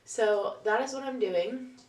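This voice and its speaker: A woman's voice: on the high side, measured pace, rough recording. A young adult woman talking casually and candidly, like a vlogger chatting informally to her viewers. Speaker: vlogger, bride-to-be. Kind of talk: casual confessional vlog chat.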